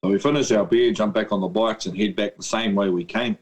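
Middle aged kiwi guy, lowish voice, yarning casually with heaps of slang and swearing. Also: fairly even intonation, fairly quick. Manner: blokey, slangy, swears freely. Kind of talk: casual storytelling chat.

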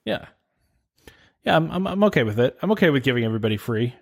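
A man's voice: medium pitch, big pitch swings, fast, vocal fry. A man hosting a podcast in casual, informal banter with a self-deprecating manner. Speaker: podcast host.

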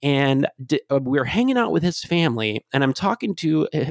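A man with a Great Lakes Michigan accent co-hosting a casual podcast, telling stories in an animated way and acting out quotes. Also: fairly high pitch, fairly quick, creaky, no echo, clean studio sound. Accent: Michigan, Great Lakes Midwestern. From Michigan, USA. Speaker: podcast co-host. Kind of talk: casual film podcast chat.

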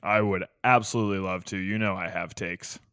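A man's voice: sits low, steady tone, fairly quick, fairly bright tone, clean tone, no room sound, studio quality. A man co-hosting a sports podcast, giving confident, assertive opinions in casual talk. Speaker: podcast co-host.

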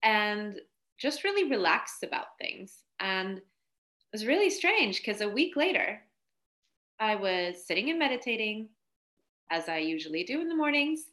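Her medium-pitched voice is very animated, fairly bright, and unhurried. As a podcast guest and spiritual coach, she shares her story in a chatty way, laughing often and filling pauses with "like."

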